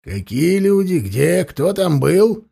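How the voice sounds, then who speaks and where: A man voicing a grim, menacing warrior who speaks quietly, evenly and without hurry. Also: sits high, vocal fry, slightly rough, pitched above the performer's own voice, exaggerated voice. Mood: cold. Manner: quiet, even and unhurried.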